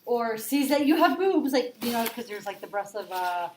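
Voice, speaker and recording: A woman's voice: on the high side, very animated, normal speed. A woman chatting and debating casually, blunt and informal, peppering her talk with "like" as she raises questions. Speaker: discussion partner posing questions. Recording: echoey room with faint noise.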